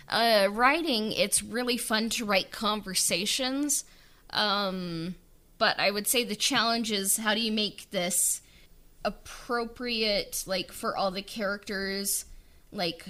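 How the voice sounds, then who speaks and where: In a casual behind-the-scenes podcast chat, a female co-host rambles about writing an audio drama, using many fillers. She speaks at a medium pitch with a sharp tone.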